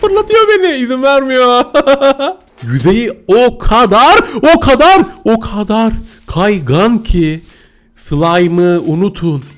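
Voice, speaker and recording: A young man giving playful, excitable gameplay commentary, often giggling and squealing at the screen. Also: high voice, slow pace. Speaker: gaming YouTuber.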